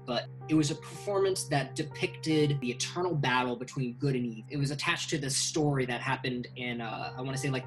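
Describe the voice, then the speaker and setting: Animated man on a video call. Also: mid-range voice, low-quality recording. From Indonesia. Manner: animated, gestures while talking, many fillers. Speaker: filmmaker and host. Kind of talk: casual video-call interview. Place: small bedroom indoors. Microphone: webcam video call.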